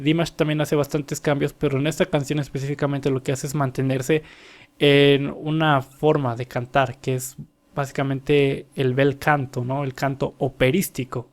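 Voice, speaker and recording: A man's voice: medium pitch, little pitch movement, moderate pace. A young man breaking down a singer's vocal technique in a casual way, stopping to sing short examples. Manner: explains with sung demonstrations. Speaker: vocal coach analyzing a singer.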